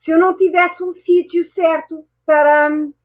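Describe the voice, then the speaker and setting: This woman's voice is very high and flat, at a normal speed. She grew up in France and, as a guest mentor in a chat, tells her personal story thoughtfully while repeatedly correcting herself, all over thin, phone-like sound.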